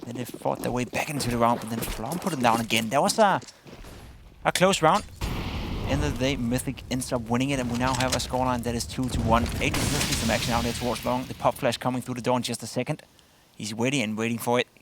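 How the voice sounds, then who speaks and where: A man commentating an esports match, building to shouts at big plays. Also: medium pitch, steady tone, fast talker, noisy background. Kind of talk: play-by-play commentary.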